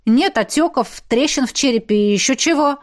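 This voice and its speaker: A woman voicing a booming, stern death-master man. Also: animated, normal speed. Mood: gruff. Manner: booming, gruff, commanding.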